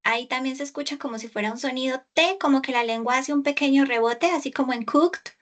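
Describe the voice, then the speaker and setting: A woman tutoring English over a video call, explaining patiently and stretching out English words slowly. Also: high-pitched. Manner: patient, slow and exaggerated English pronunciation, explaining in Spanish. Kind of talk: online tutoring session.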